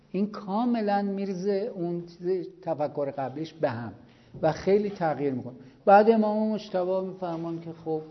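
A man with a high voice gives a religious lecture to a class of students. He talks in a conversational way and acts out the stories he tells. The recording is dull and lo-fi. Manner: conversational storytelling, acts out quoted exchanges. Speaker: cleric teaching seminary students.

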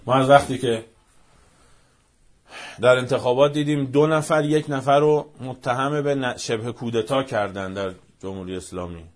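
A man giving an impassioned religious-political speech, rhetorical and fervent, swinging between raised outbursts and quiet, low asides. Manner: fervent, rhetorical, swings from shouting to near-hushed.

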